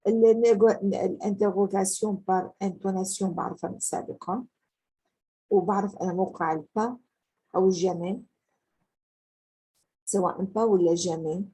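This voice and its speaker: A woman talks through a grammar lesson in a very husky, breathy voice. Her tone is dark and mellow. She explains casually and slows right down to spell out each French example. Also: mid-range voice, poor audio. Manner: reads French examples slowly and deliberately, explains in casual dialect; frequent hesitations and restarts.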